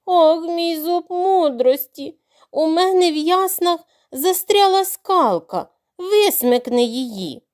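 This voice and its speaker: A woman voicing a greedy male crocodile in a storybook, moaning and wailing in long, drawn-out groans. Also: sits high, very animated, a little mellow.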